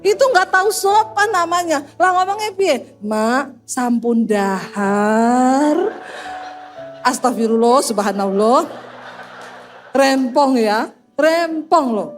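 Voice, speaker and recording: A middle-aged woman pastor with a Sulawesi accent, preaching a humorous sermon and acting out conversations with her husband. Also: sits high. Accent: Sulawesi Indonesian. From Sulawesi, Indonesia. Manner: animated, acts out dialogue with her husband.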